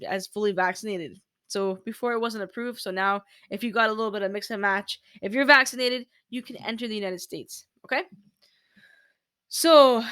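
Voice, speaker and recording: A woman's voice: on the high side, sharp tone, dry recording. A woman, casually explaining rules step by step in a chatty vlog. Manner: chatty, walks through steps point by point. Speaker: vlogger.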